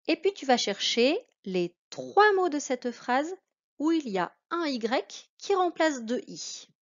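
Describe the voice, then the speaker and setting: A woman's voice: high voice, big pitch swings, slow, dull audio. A woman teaching a reading lesson to children, patiently spelling out syllables one by one.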